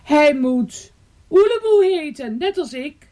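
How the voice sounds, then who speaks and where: A woman's voice: sits high, expressive, slow pace, warm tone, voice pushed up. A woman voicing a pompous, dignified father house sparrow in a storybook reading.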